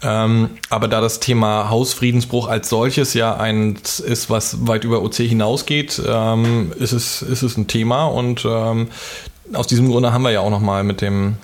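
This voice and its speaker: A man co-hosting a podcast, thinking aloud in a hesitant way with lots of pauses and hedging. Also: medium pitch, flat delivery. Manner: hesitant, many "ähm" fillers and restarts. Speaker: podcast co-host. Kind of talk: casual podcast discussion.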